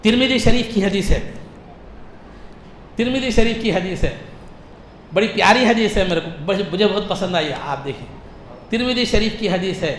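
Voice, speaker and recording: A man preaching a sermon, repeating his phrases and rising into shouts. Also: high-pitched, reverberant, slight background noise.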